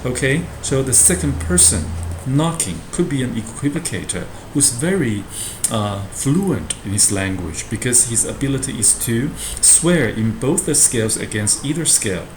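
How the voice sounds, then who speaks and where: Medium in pitch and sing-song in delivery, a man talks at normal speed with few pauses. He's a university lecturer covering Shakespeare, explaining a play text to students professor-fashion and regularly adding quick tag questions, recorded with roomy echo and clear background noise.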